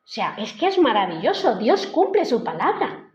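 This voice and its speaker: Brief: woman, conversational lay preacher, slightly high voice, muffled echoey hall sound. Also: very animated, moderate pace, darkish tone. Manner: conversational, retells the story in her own words with frequent "¿no?" tags. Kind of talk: informal church sermon. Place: church hall.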